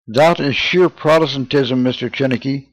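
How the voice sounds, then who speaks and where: A man's voice: mid-range voice, moderate pace, no echo, lightly acted, rough recording. A man voicing a stern, contemptuous older bishop who scolds haughtily, recorded dry.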